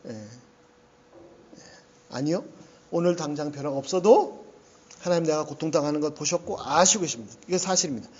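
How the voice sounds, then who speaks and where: A male pastor preaches in a lively, conversational way, often dropping in a quick "yes." His voice sits high for a man. The lo-fi recording has a muffled, dull tone. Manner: animated and conversational, often saying "yes" and laughing. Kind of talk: sermon.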